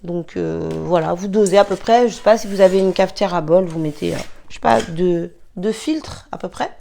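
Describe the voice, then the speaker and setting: Working with her hands in a how-to beauty vlog, this woman rambles casually, full of fillers and restarts, and apologizes in quick asides. Her voice is on the low side, creaky and dark, over slight background noise.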